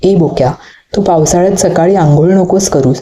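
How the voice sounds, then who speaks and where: A woman's voice: on the low side, normal speed, dark tone, slight background noise, lightly acted. A woman reading the part of a carefree older brother who teases his younger sibling in a playful, mocking way. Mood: teasing.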